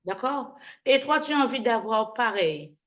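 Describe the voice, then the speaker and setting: A woman evangelist giving informal bible teaching, halting and repeating words, often checking in with "d'accord?". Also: on the high side, expressive, fairly bright tone. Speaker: evangelist and host.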